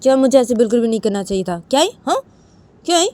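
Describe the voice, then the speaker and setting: A woman's voice: fairly high pitch, sing-song, quick pace, mellow, voice pushed up. A woman voicing a hot-tempered young man defending himself in angry outbursts.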